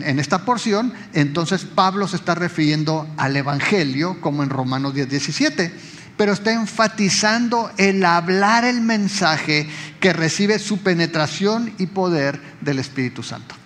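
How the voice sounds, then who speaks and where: A man's voice: high voice, a bit bright, in a large hall. A man preaching a sermon as pastor, explaining conversationally and speaking directly to the congregation.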